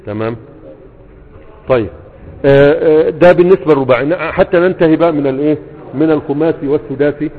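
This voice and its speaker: A man with an Egyptian accent gives a grammar lesson in a fairly high voice. He drills verb patterns in slow repetitions and keeps checking that his listeners follow. The sound is thin and phone-like, with a long reverb trailing behind it. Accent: Egyptian Arabic. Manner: repeats verb patterns slowly, asks "تمام؟" to check understanding. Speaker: grammar teacher. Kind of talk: spoken lesson explaining verse on Arabic morphology.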